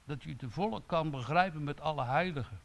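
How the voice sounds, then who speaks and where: A man from the south of the Netherlands preaching a sermon as an evangelist, moving from quiet, halting musing with repeated words to loud, emphatic calls. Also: fairly high pitch, creaky.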